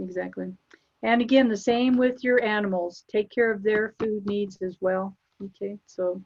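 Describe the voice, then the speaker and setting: Woman, soft-spoken, gently instructive, casual spiritual chat, muffled lo-fi call audio. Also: mid-range voice, vocal fry. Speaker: spiritual channeler.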